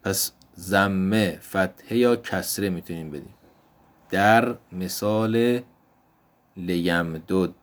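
A man teaching an Arabic grammar lesson, explaining step by step and repeating each example word slowly. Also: low voice. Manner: slow, deliberate explanation, repeating example words.

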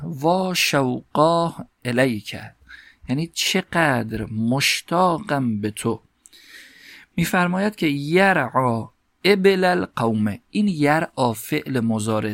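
A man teaching Arabic grammar as a lecture, reciting the Arabic phrases slowly and then explaining each word. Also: mid-range voice, no echo, studio quality. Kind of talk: classroom lecture explaining a text.

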